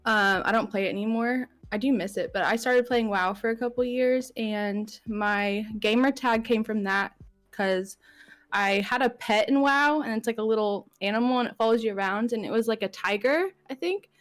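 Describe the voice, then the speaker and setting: A woman's voice: a little high, normal speed, soft background music. A woman in her late twenties, a podcast guest chatting casually, giggling often and leaning on lots of fillers. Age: 20s. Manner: giggly, filler-heavy storytelling. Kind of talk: casual chat.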